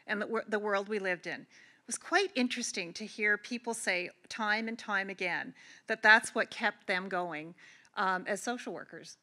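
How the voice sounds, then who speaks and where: A woman's voice: mid-range voice, pushed and bright. A middle-aged woman from Canada giving a conference keynote address, talking earnestly and conversationally with frequent restarts. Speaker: keynote speaker. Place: large convention hall.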